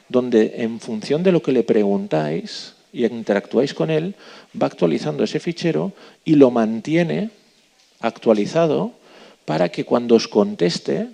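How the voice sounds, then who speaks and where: A man's voice: medium pitch, creaky, dark tone, slightly rough. A man giving a live workshop talk, asking the audience questions and checking in with "¿vale?" often. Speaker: workshop speaker.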